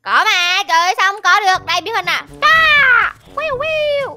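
A woman's voice: extremely high pitch, fast, loud music behind the voice. A woman joining a playful game role-play, whining and sing-song as she complains.

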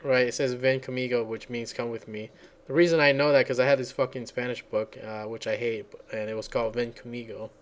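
Casual tutorial host, male, mid pitch, rambling, talks while typing. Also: fairly even intonation, a little fast. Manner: rambling, thinks aloud and searches for words. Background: computer keyboard typing.

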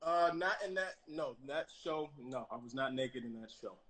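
A man being interviewed as a guest, answering in a laid-back, halting way with dry humor. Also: mid-range voice, expressive, fairly bright tone. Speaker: guest actor. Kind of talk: casual interview.

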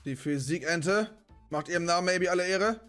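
A young man streaming a party game with friends, excitably exclaiming and cursing at every turn. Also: high-pitched, normal speed, faint music behind. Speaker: gaming streamer playing with friends. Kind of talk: excited multiplayer gaming chat.

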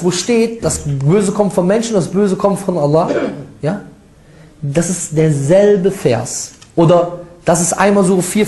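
A man giving an informal religious lecture that rebuts critics, lively and mocking, with ironic asides and quick laughs. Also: high-pitched. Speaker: Islamic preacher. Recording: echoey room sound.

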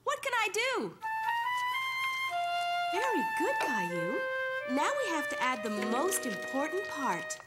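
A woman's voice: sits high, sing-song, slow, long pauses, loud music behind the voice, exaggerated voice. An actress playing a friendly, helpful neighbour lady in a children's cartoon, with a chirpy manner.

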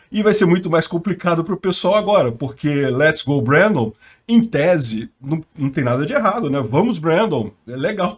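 A Brazilian man with a slightly raised voice hosts his own channel and runs through the news in loose, casual commentary. He talks in slang and keeps breaking into laughter between his points. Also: on the high side. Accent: Brazilian Portuguese. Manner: chatty, laughs often, slangy. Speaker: channel host.

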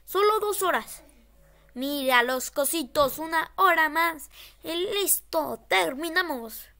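Playing a horror game, this scared woman streamer offers casual, animated commentary and nervously repeats short phrases. Her high, bright voice has a gravelly quality, and she takes things slowly.

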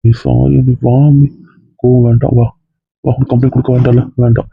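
A man's voice: mid-range voice, flat delivery, a little fast, vocal fry, slightly rough, dry recording, phone-quality sound. A man playing a remorseful young husband in an amateur family drama, talking in a pleading, apologetic way. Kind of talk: amateur web-series acting.

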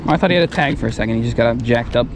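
A man's voice: mid-range voice, very fast, background noise. A young man chatting casually while fishing, informal and slangy, recorded outdoors on an action camera. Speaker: angler in a fishing vlog. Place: outdoors on a lakeside pier and rocky shore.

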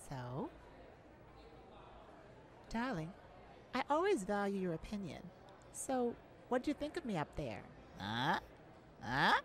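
In an intimate ASMR roleplay, a woman with a medium, slightly bright voice plays a young male bar singer. The character is affectionate and modest, sweet-talking in a hesitant way.

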